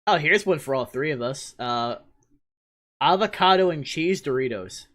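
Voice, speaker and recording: A man's voice: fairly high pitch, animated, normal speed, a bit bright. A man from New Jersey hosting a podcast, chatting casually and rambling through a list of snack flavors. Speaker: podcast host. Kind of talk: casual chat.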